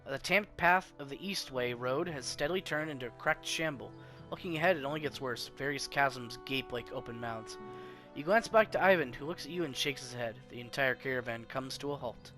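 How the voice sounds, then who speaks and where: A man's voice: medium pitch, brisk, pushed and bright, soft background music. Casual young man reading a game aloud. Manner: casual, jokey, yawning. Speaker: let's play host.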